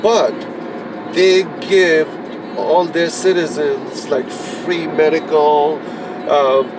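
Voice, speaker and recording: Chatty Pakistani-born driver in a noisy car. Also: male voice, on the high side, steady tone, slow. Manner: curious, chatty, repeats words. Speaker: rideshare driver. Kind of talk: casual chat. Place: inside a car. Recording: distant in-car mic with road noise.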